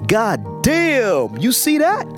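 A man's voice: medium pitch, sing-song, normal speed, over music, natural voice. A man voicing a brash, cocky young groom who talks in crude, swaggering slang.

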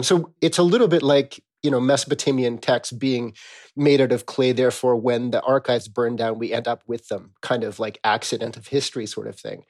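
Here an academic expert, a man with a mid-range voice, gives a lively explanation peppered with rhetorical questions during a conversational scholarly interview.

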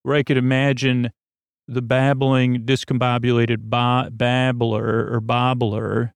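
In a slow, creaky bedtime monologue for his sleep podcast, a man rambles with frequent stumbles and tangents that mock himself. He speaks in a level, mid-range voice with no room sound.

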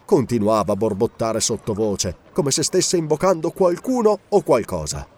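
A man narrating a dark adventure story as an audiobook, grave and expressive. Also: medium pitch, moderate pace.

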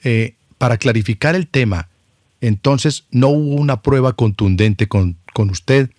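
A man's voice: medium pitch, measured pace, darkish tone, no room sound, clean studio sound. A man interviewing a guest, asking formal, probing questions and restating points back to him.

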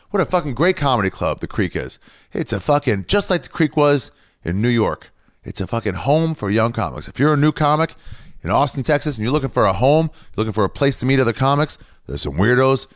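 A man hosting a podcast in a casual, profane comedy rant, fired up and swearing. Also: mid-range voice. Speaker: podcast host. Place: standing in front of a mirror.

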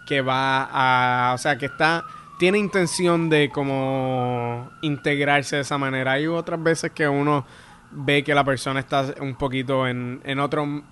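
A man's voice: medium pitch, steady tone, measured pace, fairly bright tone, slight background noise. A man with a Puerto Rican accent, a stand-up comedian chatting casually as a guest and animatedly acting out the voices in his stories. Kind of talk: casual podcast chat.

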